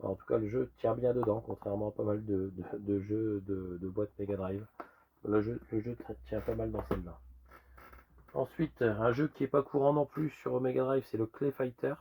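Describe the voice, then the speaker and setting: A man with a rusty, hoarse voice worn by a lingering cough, casually presenting a collection in an informal, rambling show-and-tell. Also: on the low side, steady tone, moderate pace, dull audio, slight background noise. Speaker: retro game collector presenting a sale.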